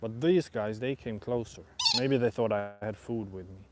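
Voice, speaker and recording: A man's voice: on the low side, moderate pace, background noise. A man who speaks English as a second language, thinking aloud in a casual vlog on an outdoor walk, rambling hesitantly and often rephrasing himself. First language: not English. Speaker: vlogger.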